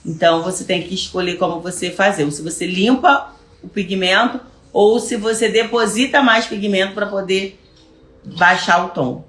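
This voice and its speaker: A woman's voice: medium pitch, moderate pace, fairly bright tone. A woman with a Brazilian Portuguese accent, a hairstylist giving a chatty live online class and answering viewer questions, often repeating words as she searches for them. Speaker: hairstylist teaching hair lightening. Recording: echoey room.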